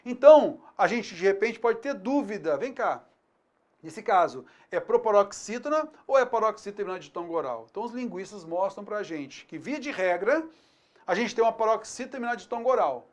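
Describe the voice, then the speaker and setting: A teacher with a Brazilian Portuguese accent records a grammar lesson for students. He speaks right to the learner and keeps checking in with quick questions. He stretches each example word out slowly, then goes back to a brisk, friendly pace. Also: medium pitch. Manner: lively, talks straight to the student, checks in with filler words; stretches words slowly when he models them.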